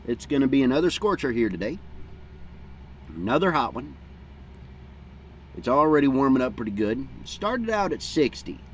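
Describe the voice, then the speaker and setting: A man's voice: mid-range voice, big pitch swings, moderate pace, long pauses. A middle-aged American man chatting casually and unhurriedly outdoors in a folksy, plain-spoken way, with a pipe in his mouth between puffs. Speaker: vlogger. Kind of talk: casual rambling outdoor chat. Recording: clear background noise, outdoor hum.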